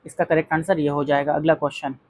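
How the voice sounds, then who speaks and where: A patient grammar teacher walks through quiz questions, saying each rule twice and dictating example sentences word by word. The voice sits at an ordinary middle pitch. It is recorded dry and close, with no room around it. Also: little pitch movement, darkish tone, no echo. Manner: repeats key phrases, reads example sentences slowly; addresses viewers as friends. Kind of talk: explanatory grammar lesson.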